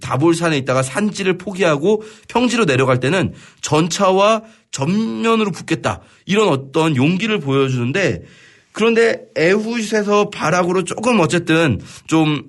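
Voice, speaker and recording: A man teaching a Bible study on the radio, reading verses and explaining them in a conversational way, often pausing to search for words. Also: fairly high pitch. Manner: reads scripture aloud, then paraphrases it conversationally.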